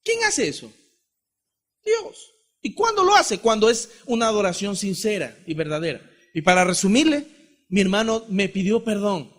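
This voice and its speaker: A man's voice: sits high, big pitch swings, normal speed, a bit bright. A man from Ecuador preaching a sermon, telling a personal testimony with passion and acting out the voices of God and his brother. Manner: impassioned, acts out dialogue with God and his brother.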